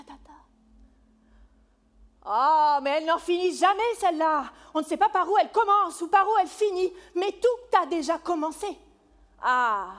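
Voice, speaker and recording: A woman plays a playful, seductive spirit of chance with a bright, high voice. She coaxes and teases like a fairground barker, then drops to a hushed, intimate hush. The delivery is theatrical stage monologue. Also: full character voice. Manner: playful, coaxing, theatrical, swinging between loud calls and hushed asides.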